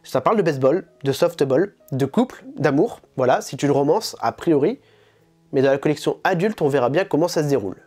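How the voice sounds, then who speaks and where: A woman's voice: low-pitched, fairly quick, husky, faint music behind. A woman hosting a manga channel, chatting casually and enthusiastically through an unboxing. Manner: animated, chatty and enthusiastic, with laughs.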